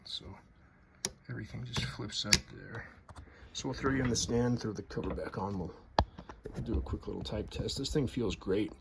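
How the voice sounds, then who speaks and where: A man's voice: fairly low pitch, normal speed, gravelly, very noisy. A man casually showing off and explaining a typewriter, rambling and repeating words with enthusiasm. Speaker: typewriter restorer. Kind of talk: casual show-and-tell.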